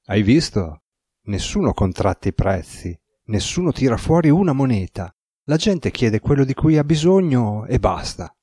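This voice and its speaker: A man's voice: mid-range voice, very animated, moderate pace, mellow, slightly rough, no echo, clean studio sound. A man voicing a grim, commanding man with godlike power who talks curtly and swears when angry. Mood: pleased.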